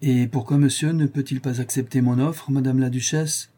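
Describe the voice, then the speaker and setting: A man's voice: mid-range voice, steady tone, moderate pace, dark tone, pitched above the performer's own voice, lightly acted. A man voices a sardonic, insolent young viscount with a dry, ironic, mocking tone.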